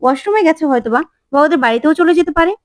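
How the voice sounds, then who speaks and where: Woman playing sarcastic mother-in-law, quick high jabs. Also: expressive. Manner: sarcastic, cutting. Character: sharp-tongued middle-aged mother-in-law.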